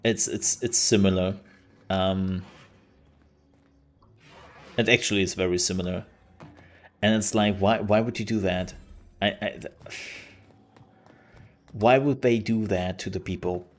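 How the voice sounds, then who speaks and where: A woman's voice: rumbling low, steady tone. A woman streaming a game, commenting in a joking, sarcastic way. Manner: sarcastic, joking, slow-spoken. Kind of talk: let's play commentary.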